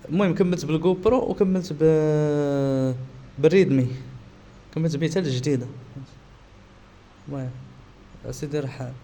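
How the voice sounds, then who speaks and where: A man's voice: fairly high pitch, moderate pace, long pauses, dark tone. A Moroccan man recounting a cycling trip as a casual vlogger, often repeating his phrases. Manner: repeats himself. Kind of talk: casual vlog talk. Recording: faint background ambient noise.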